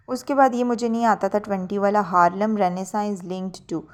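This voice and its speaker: A woman's voice: medium pitch, a little mellow. Woman tutor going through exam answers. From Pakistan. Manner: mixes English into Urdu, corrects herself.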